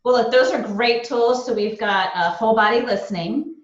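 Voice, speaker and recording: A woman's voice: on the high side, normal speed. Chatty woman host, roomy dull sound. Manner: enthusiastic, chatty, many fillers. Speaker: podcast host. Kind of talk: casual interview chat.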